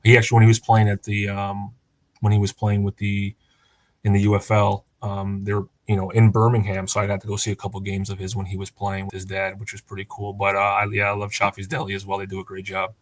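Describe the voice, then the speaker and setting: A man's voice: lowish voice, completely flat delivery, fast, no room sound. A man of thirty, a former quarterback, chatting casually as a podcast guest with many fillers and restarts. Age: 30s.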